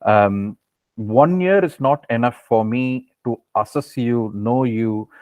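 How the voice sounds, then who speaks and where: A man's voice: medium pitch, slow, a little mellow, dry recording. A man with an Indian accent giving informal, reassuring advice as lecturer in an online question session, often repeating short phrases. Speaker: webinar lecturer, surgeon.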